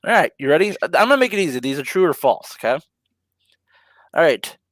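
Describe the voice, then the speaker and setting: A man co-hosting a casual live stream, relaxed and laughing easily, with plenty of ums. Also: fairly high pitch, brisk, dry recording. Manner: laid-back, laughs often, many ums. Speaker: co-host of a live ocean talk stream.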